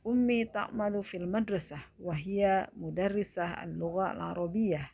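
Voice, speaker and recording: A woman's voice: on the low side, unhurried, creaky, mellow. A woman teacher voicing a schoolboy answering questions about his family, reading a textbook dialogue aloud.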